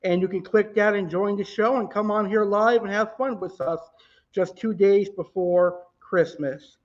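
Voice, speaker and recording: A man's voice: high voice, unhurried. A man hosting a livestream in an upbeat, gushing, enthusiastic way. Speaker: live show host. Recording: slightly dull, lo-fi livestream audio.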